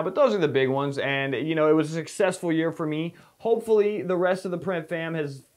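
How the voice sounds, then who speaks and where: Stuffed up guy in his 30s, sounds like hes pinching his nose, kinda high voice, chill casual vlog talk. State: congested. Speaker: screen printing shop owner and vlogger. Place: indoors in a screen printing workshop.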